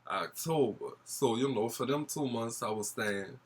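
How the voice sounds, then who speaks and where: A man's voice: medium pitch, measured pace, slightly rough. A young man with a New Orleans accent telling a casual vlog story in a gossipy, sassy, slangy way. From New Orleans, USA. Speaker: YouTube storyteller.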